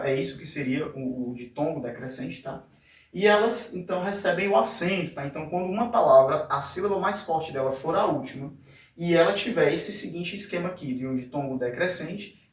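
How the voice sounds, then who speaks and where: A male teacher with a slightly high voice explains a grammar lesson at the board, checking in constantly with quick tag questions. He stretches words out syllable by syllable. The recording is roomy, and he sits a little distant from the mic. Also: fairly bright tone. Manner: frequent tag questions like "tá?" and "fechado?"; drawn-out syllable-by-syllable pronunciation. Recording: echoey room, voice a bit distant from the mic.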